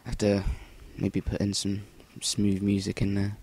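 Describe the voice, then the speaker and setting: A man's voice: lowish voice, monotone, normal speed, mellow, slightly rough, no room sound. A young English man giving rambling, sweary voice-over commentary on a shooter game into a cheap USB mic. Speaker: gameplay commentator. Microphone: Rock Band USB mic.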